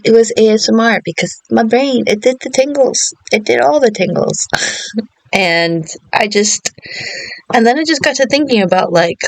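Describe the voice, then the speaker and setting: Woman, thirties, casual vlogger; gravelly texture, meandering delivery, dry recording. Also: fairly low pitch, dry recording, rough recording. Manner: meandering, many fillers and self-interruptions, laughs often. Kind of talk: casual rambling monologue.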